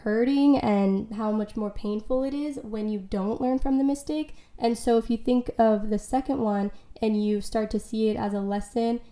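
In an echoey room, a podcast host and life coach talks alone, working earnestly through ideas, quotes, and examples, her voice somewhat worn from illness. She has a warm, highish voice with fairly even intonation, speaking at a moderate pace with hardly any pauses.

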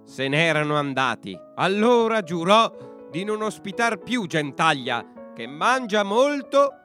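A man narrating a traditional fairy tale for a bedtime podcast in an expressive storytelling manner. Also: high-pitched, unhurried, faint music behind.

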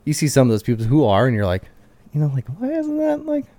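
A man's voice: medium pitch, wildly swooping pitch, quick pace, dark tone, dry recording. A man in his thirties talking casually and candidly, rambling with lots of fillers. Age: 30s. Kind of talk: casual chat.

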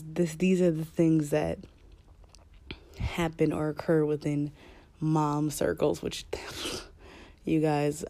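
A woman hosting a podcast in casual, rambling, candid talk, with a deep chesty voice that is a bit scratchy from a cold. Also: warm tone, no echo. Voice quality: slightly scratchy. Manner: candid, informal, swearing freely. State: fighting a cold. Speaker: podcast host.

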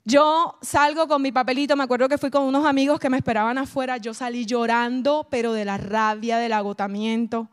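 A woman, animated as she tells a personal testimony and speaks straight to her audience. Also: on the high side, a little fast, hardly any pauses, smooth. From Colombia. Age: adult, mother of a child. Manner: animated storytelling, addresses the audience directly. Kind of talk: emotional personal testimony talk.

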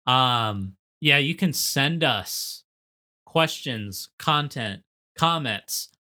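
Bright-voiced man with vocal fry. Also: medium pitch, animated, extremely slow. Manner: loose, slangy. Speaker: podcast co-host. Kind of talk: casual podcast chat.

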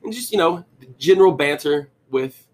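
A man's voice: fairly high pitch, lively intonation, moderate pace. A young man co-hosting a casual movie podcast, joking and rambling with frequent restarts. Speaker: podcast co-host.

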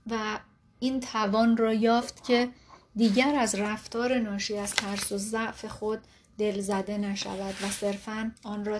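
A woman narrating a self-help book in a calm, steady reading voice. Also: medium pitch. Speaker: audiobook narrator.

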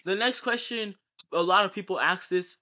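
Young male host, high and bright, teasing and repetitive in casual banter, low quality stream audio. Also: normal speed. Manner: teasing, insistent, repeats himself. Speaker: host asking questions. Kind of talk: casual bantering group chat. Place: online voice call. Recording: low quality, glitchy online call stream.

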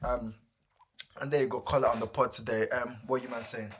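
A man's voice: medium pitch, fairly even intonation, a little fast, fairly bright tone, slight background noise. A young man with a London accent and street slang, hosting a podcast in casual chat and repeating his words. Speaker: podcast host. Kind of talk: casual sports debate and chat.

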